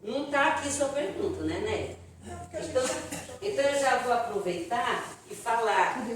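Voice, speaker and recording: A woman with a Brazilian accent, giving a spiritist lecture and answering questions in a chatty, animated way. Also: on the high side, moderate pace, distant mic. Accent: Brazilian Portuguese. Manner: chatty, animated storytelling with audience asides. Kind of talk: live lecture Q&A to an audience. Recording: echoey hall, voice from afar, faint noise.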